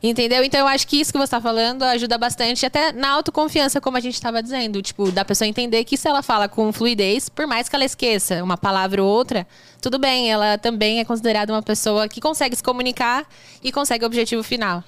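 Quick, smooth-voiced woman host. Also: on the high side, fairly bright tone, dry recording. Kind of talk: casual interview chat.

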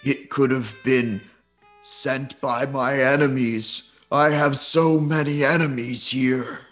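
A man's voice: medium pitch, steady tone, slow pace, a bit bright, soft background music, voice pushed up. A man voicing a massive lion spirit in a tabletop game, a boastful, defensive forest king with a resounding, emphatic delivery. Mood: wounded, defensive.

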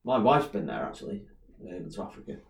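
A man's voice: sits low, very animated, brisk, vocal fry. A man chatting casually on a podcast, laid-back, reading facts aloud with fillers. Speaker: co-host. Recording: roomy echo.

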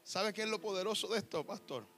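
A male preacher delivering a sermon, emphatic, swinging from soft to shouting and dropping in English words. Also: high-pitched, quick pace.

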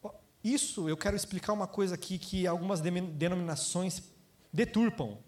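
A man with a Brazilian Portuguese accent preaching a sermon, lively, acting out quoted voices and asking his congregation questions. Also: high voice, brisk. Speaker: pastor.

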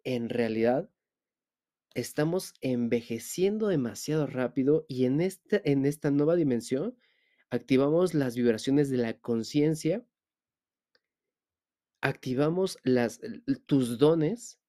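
A man's voice: medium pitch, expressive, takes it slowly, dark tone. A man hosting a spiritual podcast, talking directly to the listener and asking rhetorical questions. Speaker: podcast host.

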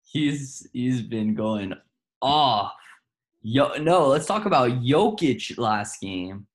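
A young man co-hosting a casual sports chat, relaxed and hesitant, with lots of fillers and slang. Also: medium pitch, slow. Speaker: co-host.

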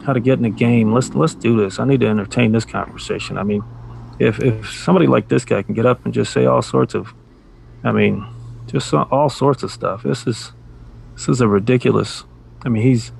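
Male podcast co-host with a gravelly, husky voice, dry sarcasm and halting, rambling delivery. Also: medium pitch, darkish tone. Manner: sarcastic, rambling with frequent restarts. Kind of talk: casual podcast chat.

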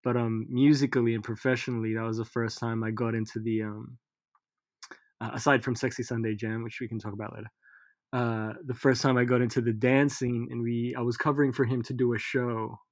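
This mid-range male voice belongs to a musician in his thirties appearing as a guest, originally a Tagalog speaker. His casual interview talk is easygoing but halting, broken up by frequent pauses.

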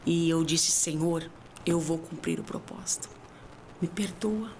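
Woman sharing her testimony on a church podcast, emotional, goes quiet then loud, faint hiss behind. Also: measured pace. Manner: heartfelt, swings from low murmurs to high emphatic cries. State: tearful at times. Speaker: podcast guest.

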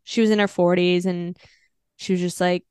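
A woman's voice: lowish voice, little pitch movement, normal speed, clean tone, no room sound. A woman in her thirties, a podcast guest telling her own story candidly, rambling and swearing freely. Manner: rambling, frank, swears freely, laughs at dark moments.

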